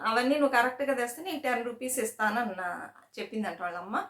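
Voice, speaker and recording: A woman's voice: a little high, fairly bright tone. A woman hosting a savings vlog, talking casually to her viewers, often checking in with them and retelling small everyday stories. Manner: chatty, repeats "సరేనా?" to check in with viewers; storytelling, retells anecdotes with quoted dialogue. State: sweating in summer heat. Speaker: savings channel host. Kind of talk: casual chat to camera. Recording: echoey room.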